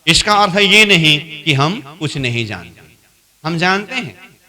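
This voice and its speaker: Male spiritual trainer, unhurried lecture, high bright tone, acts out little dialogues. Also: animated. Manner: repeats points and asks the class questions; acts out both sides of a dialogue, louder as it escalates.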